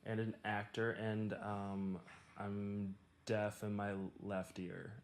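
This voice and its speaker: A man, a theater director and actor, talking hesitantly with many pauses in a documentary interview. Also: fairly low pitch, level tone. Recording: guitar music under voice. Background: guitar music.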